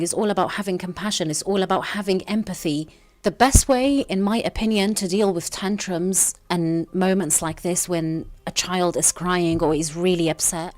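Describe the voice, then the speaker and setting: Earnest young mum vlogging. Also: female voice, fairly low pitch, darkish tone, no room sound. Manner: earnest, impassioned, swears casually. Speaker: parent vlogger. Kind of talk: candid personal vlog.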